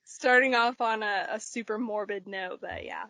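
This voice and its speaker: A woman in her twenties from Texas, a podcast guest telling stories in an animated way, filling with "like" often. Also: medium pitch, moderate pace, dry recording. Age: 20s. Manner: animated storyteller, says "like" a lot. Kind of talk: casual chat.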